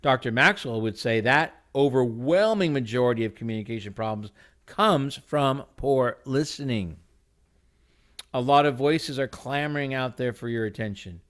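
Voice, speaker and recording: A man records a motivational leadership lesson in his kitchen, talking straight into his computer's microphone. His delivery is folksy and emphatic, with punchy, rising exhortations and then quiet, confiding asides. His voice sits at an ordinary middle pitch for a man. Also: moderate pace. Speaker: leadership talk host; music teacher. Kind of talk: motivational book talk. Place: home kitchen.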